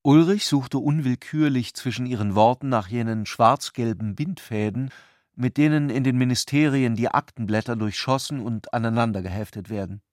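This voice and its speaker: A man reads scripted literary narration for a radio play in a mid-range voice, his phrasing measured and reflective. The recording is completely dry, with no room sound around him.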